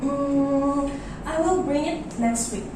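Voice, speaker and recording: Woman acting as an agreeable lady bank customer, talks slow, short replies, highish voice, noisy echoey room. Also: far from the mic. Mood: calm, agreeable. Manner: brief, compliant replies. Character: cooperative, brief-spoken female mortgage customer at a bank. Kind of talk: amateur scripted role-play. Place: echoey indoor room, far mic.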